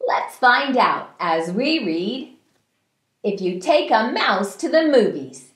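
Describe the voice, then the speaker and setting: A middle-aged woman reading aloud to young children in an expressive storytime voice, as a children's host. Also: a little high, slow, breathy edge, dry recording, studio quality.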